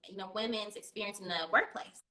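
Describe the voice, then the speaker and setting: A woman in her thirties joins a casual video-call interview as a guest, chatting, laughing often and using plenty of fillers. Her mid-range voice is brisk, pushed and bright, captured in an echoey home room over the call.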